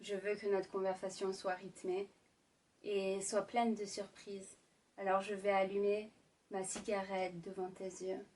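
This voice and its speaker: A woman doing an ASMR role-play as a sultry, intimate ASMR narrator, speaking sensually to the listener with lingering pauses. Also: mid-range voice, completely flat delivery, darkish tone, distant mic, slight background noise, rough recording. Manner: slow, lingering delivery with deliberate pauses. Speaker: ASMR performer.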